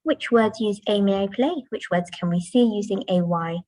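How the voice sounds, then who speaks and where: A woman's voice: mid-range voice, normal speed, warm tone, dry recording, rough recording. A woman teacher giving a talk to parents, explaining patiently and modelling classroom chants. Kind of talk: presentation to parents. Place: school, indoors.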